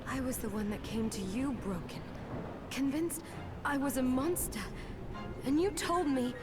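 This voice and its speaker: A woman's voice: sits high, a little slow. An actress voicing an earnest young woman hero in a video game. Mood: pleading. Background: game music.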